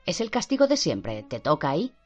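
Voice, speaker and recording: Una mujer lee a un hombre que interroga con calma y hace preguntas suaves e insistentes. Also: female voice, low voice, fairly quick, heavily acted. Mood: calm. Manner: calm, gently probing questions. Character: calm, patient male interrogator. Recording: dull lo-fi with faint music.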